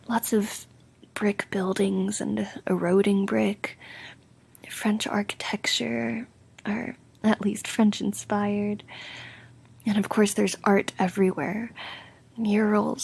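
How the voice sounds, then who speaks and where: A woman doing an ASMR role-play as an affectionate, sleepy girlfriend, speaking softly, drowsily and intimately in a breathy soft voice with creaky edges. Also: medium pitch. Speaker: roleplay audio performer playing a sleepy girlfriend.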